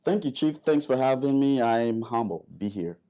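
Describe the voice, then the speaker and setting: A man's voice: medium pitch, expressive, moderate pace, mellow. A man, a guest telling his story in an interview, hesitant with many fillers and restarts. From Liberia. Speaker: guest, airman.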